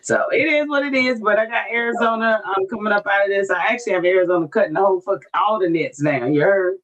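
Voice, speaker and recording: A woman's voice: medium pitch, quick pace, a bit bright. A woman co-hosting a podcast, chatting casually about sports in a playful, teasing way and swearing freely. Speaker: podcast co-host. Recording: dull lo-fi sound.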